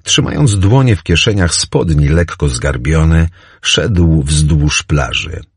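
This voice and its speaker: A man narrating a novel as an audiobook, in a measured, descriptive storytelling manner. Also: rumbling low, expressive, breathy edge, no echo. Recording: dry close recording.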